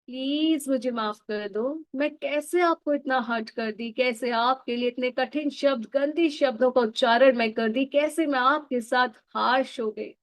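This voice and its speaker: A woman talks listeners through a guided meditation in a soft, pleading, heartfelt way. Her voice sits a little high. The sound is dry and close, with no room echo. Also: moderate pace, hardly any pauses.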